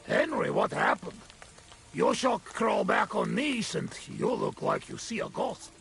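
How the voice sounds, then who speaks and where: An actor playing a gruff, superstitious male woodcutter in a video game, speaking, broken grammar and a teasing, earnest manner. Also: high voice, huge pitch swings, unhurried, fairly bright tone, faint music behind, heavily acted.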